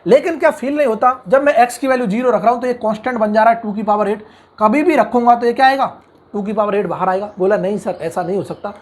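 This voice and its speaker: A man teaching engineering mathematics in an online lecture, coaxing the class with constant questions and acting out imagined student objections. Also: extremely high pitch. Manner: brisk, coaxing teacher who asks the class questions and answers them.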